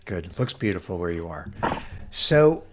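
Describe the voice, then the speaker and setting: A man's voice: sits low, sing-song, normal speed. A man hosting a podcast interview, asking his guest friendly, conversational questions. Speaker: podcast host.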